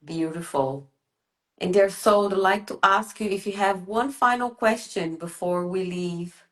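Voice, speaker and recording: A woman trance channeling as a spiritual medium, giving formal, measured counsel and addressing her listener with solemn endearments. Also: mid-range voice. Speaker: trance channeler leading a session.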